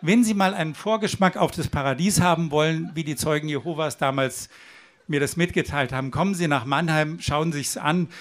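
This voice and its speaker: A man's voice: fairly high pitch, fairly quick. A man from southwestern Germany giving an earnest, persuasive speech at a demonstration, with the odd restart. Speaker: rally speaker. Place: outdoor rally.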